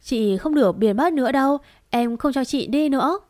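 A woman's voice: high-pitched, lively intonation, normal speed, a little mellow, no echo, studio quality, voice pushed up. A woman voicing a tearful young village boy who clings to his older sister, pleading in a raised voice. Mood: tearful, eager.

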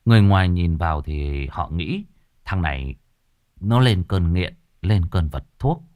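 A man narrating a horror story in an expressive, dramatic way. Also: deep voice, measured pace, no echo.

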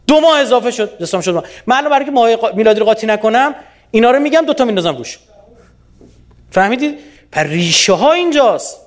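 A man from Iran giving a lively public lecture, often quizzing his audience with rhetorical questions. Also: extremely high pitch.

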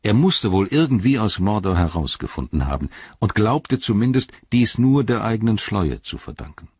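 A man narrating an audiobook in measured storytelling. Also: on the low side, very animated, darkish tone, husky, no room sound, muffled recording. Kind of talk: scripted narration.

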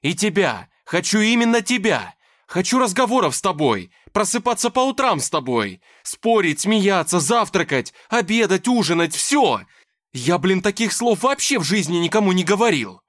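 Guy doing a young firefighter yelling his heart out, lively voice. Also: sits high, moderate pace, pitched above the performer's own voice. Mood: shouting. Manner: shouting. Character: young man, a poor firefighter, loud and desperate.

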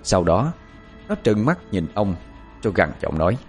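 A man narrating a horror story in an expressive, suspenseful manner. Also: fairly low pitch, moderate pace, faint music behind.

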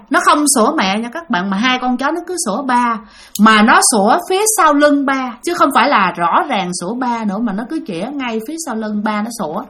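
A woman's voice: a little high, fairly bright tone. A woman telling a spirit story in a chatty way, talking straight to her listeners with many fillers. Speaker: storyteller host. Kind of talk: casual spoken ghost story narration.

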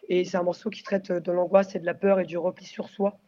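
A woman's voice: lowish voice, little pitch movement, fast talker, mellow. Thoughtful woman singer, muffled sound. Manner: thoughtful, searching for words with many fillers. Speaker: singer of a post-metal band. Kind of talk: interview answers.

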